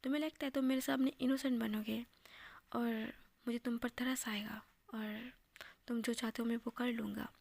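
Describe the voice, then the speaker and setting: A woman voicing a cold, scornful young man who taunts the one he secretly loves, speaking softly in a half-whisper. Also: on the high side, flat delivery, normal speed, vocal fry, dry recording.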